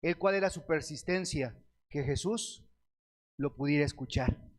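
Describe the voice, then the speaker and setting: A man preaching a sermon, reading scripture slowly and asking the congregation questions that he answers himself. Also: a little high. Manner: reads scripture aloud with slow stretched words; addresses the congregation as beloved brethren.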